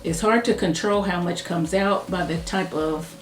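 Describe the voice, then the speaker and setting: Woman, casual hair product review, low voice, fast chatty talk, echoey room, faint music behind. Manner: chatty, talks fast, thinks aloud while styling her hair. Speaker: hair care YouTuber.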